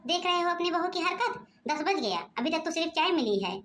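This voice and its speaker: A woman's voice: very high-pitched, big pitch swings, brisk, fairly bright tone, roomy sound, slight background noise, full character voice. A woman with an Awadhi-region accent voicing a strict, scolding middle-aged mother-in-law in a home-made cartoon. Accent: Awadhi-region Hindi. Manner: nagging, exasperated, sarcastic.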